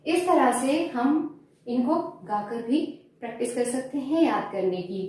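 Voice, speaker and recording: Slow, high-voiced woman teaching Sanskrit. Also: animated, a little mellow, a little hiss or hum. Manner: patient, repeats forms slowly, sing-song chanting. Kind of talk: slow classroom lesson with chanted recitation. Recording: echoey room, voice from a distance.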